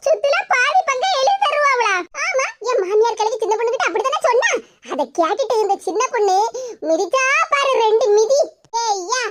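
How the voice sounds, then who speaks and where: High-voiced woman voicing a cartoon family comedy. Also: background noise. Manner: shifts voice between several characters. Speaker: narrator voicing all cartoon characters.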